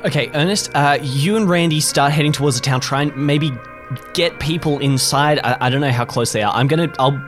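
A man's voice: a little high, fairly quick, soft background music, close to an everyday voice. A man playing a worried team leader under monster attack in a tabletop game, insistent and urgent. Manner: insistent, repeating calls.

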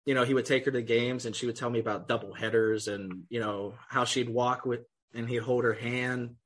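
Man, casual sports podcast host, relaxed and chatty, swears a lot, laughs often. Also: mid-range voice, fairly quick.

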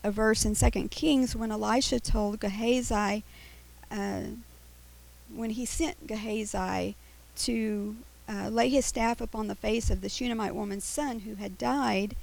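A woman giving a Bible lesson in a halting, explanatory way, with s sounds that whistle through her teeth. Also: medium pitch, steady tone, vocal fry, darkish tone, low-quality recording. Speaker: Bible teacher.

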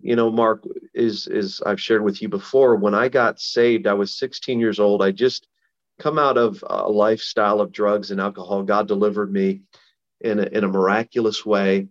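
A man's voice: on the low side, fairly even intonation, moderate pace. A middle-aged man, a pastor, speaking over a phone line as an interview guest, earnest and conversational with frequent restarts. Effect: heard over a phone line. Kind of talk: interview guest sharing a personal testimony. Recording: dull phone-line audio.

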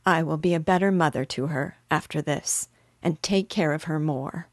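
A woman's voice: sits low, normal speed, dry recording, studio quality. A woman voicing a tearful, remorseful young mother in an audiobook, weeping as she speaks. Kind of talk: audiobook character voice.

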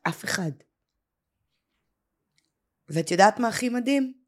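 A woman who coaches personal storytelling, talking as a podcast guest in an intense, heartfelt way and slowing down to stress her points. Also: on the high side, lively intonation. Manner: emphatic, slows down to stress words. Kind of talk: emotional podcast conversation.

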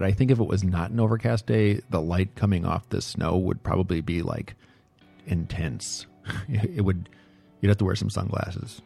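The host of this personal audio log is a middle-aged man with a low, gravelly, warm voice that sounds slightly rough. Speaking into a close mic indoors at home, he rambles casually in a hesitant, musing way and repeats himself in short phrases.

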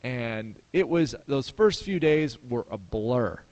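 A man's voice: mid-range voice, lively intonation, slow, darkish tone, rough recording. A middle-aged man hosting a podcast, telling a rambling personal story in casual monologue and acting out the voices of the people he quotes. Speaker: podcast host.

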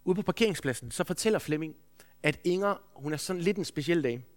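A man's voice: a little high, animated. A man preaching a sermon, telling a story in an earnest, anecdotal way with frequent restarts. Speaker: preacher, school head.

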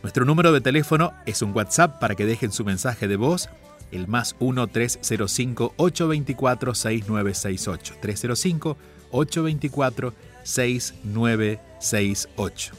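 A man hosting an advice call-in radio show, speaking in a calm, reflective and measured way. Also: medium pitch, faint music behind. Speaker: radio host and life counselor.

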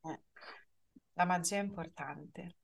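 A woman's voice: fairly low pitch, takes it slowly, gravelly. A woman hosting a podcast, responding to her guest in an encouraging, conversational way. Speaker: podcast host.

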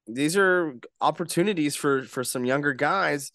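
A man's voice: fairly high pitch, measured pace, sharp tone, dry recording, studio quality. A young man hosting a casual sports podcast, talking in loose, rambling sentences full of restarts. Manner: rambling, frequent restarts and fillers. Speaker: podcast host.

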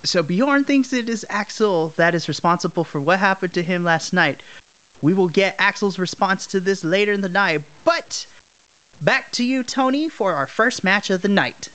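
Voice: medium pitch, expressive, moderate pace, a bit bright, natural voice. A game master voicing a polite young female correspondent in a wrestling broadcast interview, questioning like a reporter. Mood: inquiring, polite.

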